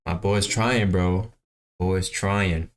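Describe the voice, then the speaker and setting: A man's voice: deep voice, fairly even intonation, drawn-out words. A man hosting a reaction video in casual commentary, laid-back, slangy and repetitive.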